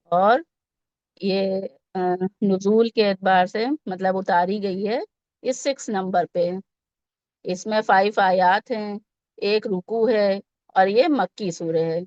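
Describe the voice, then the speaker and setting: A woman who teaches Quran to children gives a tajweed lesson with slow recitation, explaining patiently step by step, asking the kids questions and mixing in English words. Her voice is medium-pitched, steady and a little mellow, and the lo-fi recording is dry and dull.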